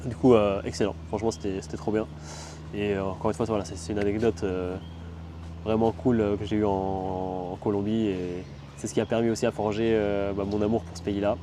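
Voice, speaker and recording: Fast-talking young man, casual travel vlogger. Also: lowish voice, little pitch movement, noisy background. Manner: slangy, rambling, lots of fillers. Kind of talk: casual storytelling.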